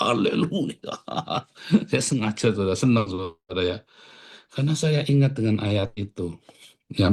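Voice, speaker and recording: A man preaching a sermon as pastor, animated, with loud bursts and quiet asides and casual slang mixed in. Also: on the low side.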